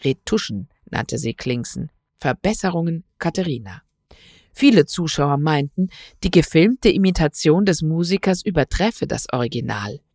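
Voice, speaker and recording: A woman reading a literary story aloud in a measured, even storytelling way. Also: sits low, no echo, clean studio sound. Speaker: reader. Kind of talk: scripted narration of a literary story.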